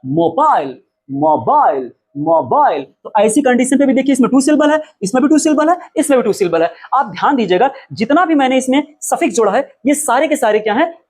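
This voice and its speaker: A man teaching an English spelling lesson, who asks his own questions, answers them and repeats every point. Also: very high voice. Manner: spells out words letter by letter.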